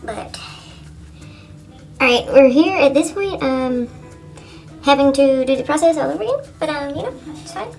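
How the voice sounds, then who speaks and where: A woman's voice: high voice, expressive, normal speed, vocal fry, pauses often, a little mellow, distant mic, faint music behind, rough recording. A woman vlogger giving a casual how-to, joking and profane, who keeps asking "you know?". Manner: joking, self-mocking. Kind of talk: casual tutorial chat.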